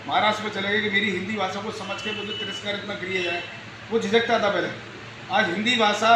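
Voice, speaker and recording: A man answering interview questions about journalism in an earnest, explanatory, lecturing way, recorded in an echoey room with background noise. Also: high voice. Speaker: speaker on journalism.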